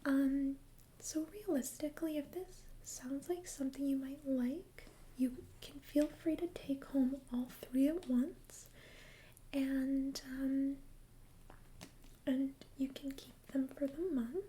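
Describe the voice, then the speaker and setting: A woman in a whispered role-play as a friendly, chatty librarian, speaking in a soft, breathy library whisper with a gentle, hesitant conversational manner. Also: high voice, steady tone, takes it slowly. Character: friendly, chatty female librarian recommending books. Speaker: ASMR role-player as librarian.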